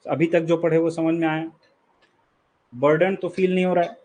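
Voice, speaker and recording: Indian guy teaching online class, kinda high voice, keeps repeating terms and asking if it's clear. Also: flat delivery, moderate pace, a little mellow. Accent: Indian English. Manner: explanatory, repeats key terms, checks understanding with the class. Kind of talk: online exam-prep lecture.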